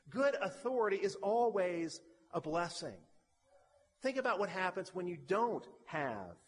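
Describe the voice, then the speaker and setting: A man preaches a sermon in a slightly higher voice, driving his points home with emphatic, repeated phrasing. His voice rings out with the long reverb of a large hall. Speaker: pastor.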